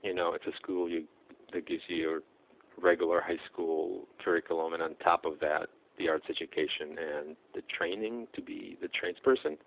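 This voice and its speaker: A middle-aged Czech blacksmith, appearing as a guest in a casual interview, speaks in a deep, creaky voice with fairly even intonation at a moderate pace. He sounds hesitant, with lots of fillers and restarts, and the audio is tinny, like a phone line.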